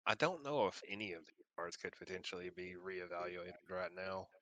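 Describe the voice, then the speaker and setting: A man's voice: low-pitched, lively intonation, brisk, bright, forceful tone, poor audio. A man co-hosting a podcast, explaining card game rules in casual chat. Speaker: podcast co-host.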